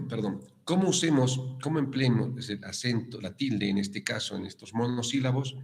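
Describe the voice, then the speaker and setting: This guest lecturer speaks Spanish with a Bolivian accent in a medium-pitched, gravelly, somewhat dark voice. Teaching a university prep class about written accents, he goes slowly, filling pauses and frequently correcting himself.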